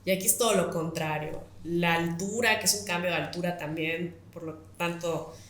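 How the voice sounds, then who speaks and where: A woman interviewing a guest in a relaxed chat, asking follow-up questions and laughing often. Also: lowish voice, moderate pace, roomy sound.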